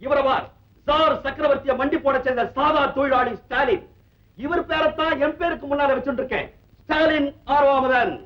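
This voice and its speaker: A man's voice: very high-pitched, steady tone, moderate pace. An actor playing a pompous husband who keeps switching political parties, speechifying in a 1970s film comedy. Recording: dull old film soundtrack.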